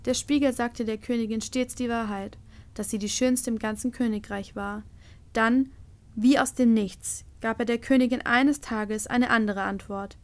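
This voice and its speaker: A woman narrating a storybook chapter aloud as an audiobook reader, telling it calmly and expressively. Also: fairly high pitch, moderate pace.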